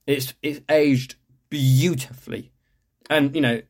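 A man's voice: medium pitch, steady tone, slow, darkish tone. A young man hosting a podcast, chatting casually and reading local news with lots of fillers and restarts. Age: young adult. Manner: rambling, chatty, self-correcting with many fillers. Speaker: podcast host.

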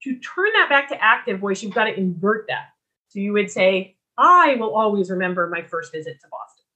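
A woman giving a recorded lecture on writing, explaining clearly and restarting her sentences as she talks. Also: medium pitch, very animated, brisk, bright, forceful tone. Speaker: writing instructor.

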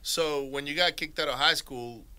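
A male host from Venezuela runs a casual interview in an upbeat, chatty way, nudging his guest along with questions. His voice sits at a middle pitch with a strikingly bright, sharp edge. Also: moderate pace, smooth.

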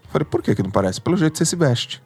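Husky Brazilian man telling stories. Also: on the high side, big pitch swings, very fast, darkish tone, faint music behind. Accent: Brazilian Portuguese. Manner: slangy and emphatic, swears, acts out his own inner voice. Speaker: guest, mentor for entrepreneurs. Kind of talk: animated podcast storytelling.

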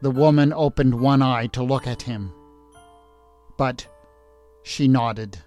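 A man narrating a story in a calm, deliberate way, with the odd small stumble. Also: medium pitch, faint music behind.

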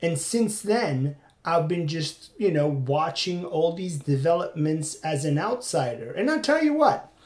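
A Turkish podcast host and comedian delivers a casual monologue while running, rambling and reflective with lots of fillers. His voice is a little high and mellow, with a roomy sound.

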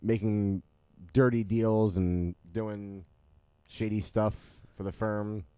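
A man's voice: on the low side, fairly even intonation, slow pace, dark tone, clear, resonant tone, no room sound. A man in casual podcast chat about movies, easygoing and hesitant, with frequent ums.

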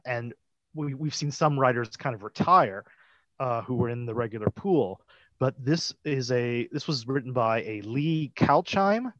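A man co-hosting a podcast in casual chat, animated, laughing now and then and acting out what he once thought. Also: medium pitch, dry recording. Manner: animated, laughs, acts out quotes. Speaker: podcast co-host. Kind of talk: casual chat about a TV episode. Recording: dull lo-fi dry sound.

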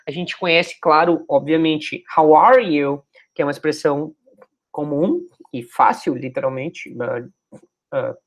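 A middle-aged woman with a Brazilian Portuguese accent teaching English in a casual video lesson. She explains in a chatty way and says English words slowly and carefully. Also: lowish voice, husky.

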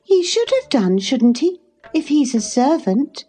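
A woman's voice: very animated, a little slow, mellow, faint music behind. A woman voicing a spoiled, indignant young girl who gives orders and turns tearful, in a storybook reading. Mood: imperious. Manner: haughty, commanding, high and pleading.

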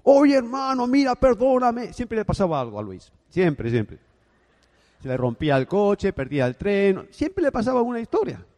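A man telling a business anecdote, animated and acting out the dialogue with sound effects. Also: on the high side, normal speed, long reverb tail. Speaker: speaker telling his business story. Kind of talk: anecdotal motivational talk.

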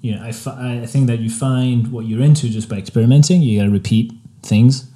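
This young man from Spain speaks with a French accent, guesting as a photographer in an interview. His medium-pitched voice is brisk, yet his manner is relaxed, laid-back and reflective, full of fillers.

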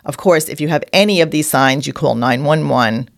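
A woman's voice: deep voice, moderate pace, vocal fry, no room sound, clean studio sound. A woman with a New York accent co-hosting a conversational health discussion. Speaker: podcast co-host.

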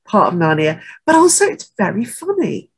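A woman co-hosting a casual book-chat podcast, reflective and quick to agree. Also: medium pitch, very animated, gravelly, slightly rough. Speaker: podcast co-host.

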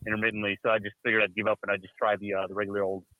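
A man's voice: lowish voice, level tone, racing, no room sound. A middle-aged man calling in to a talk show over a cell phone line. He rambles in a laid-back way and says "dude" a lot. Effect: heard over a cell phone line. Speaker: caller. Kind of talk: casual chat.

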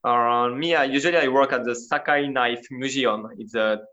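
A man from France with a French accent, a blacksmith guest speaking in a casual interview, halting and searching for words with frequent laughs. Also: mid-range voice, steady tone, sharp tone, dull audio, slight background noise.

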